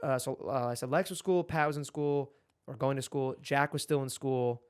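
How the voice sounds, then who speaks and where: Clear and resonant, this mid-range male voice moves at a normal speed. The speaker, a twenty-something podcast co-host based in Los Angeles, rambles informally with plenty of restarts.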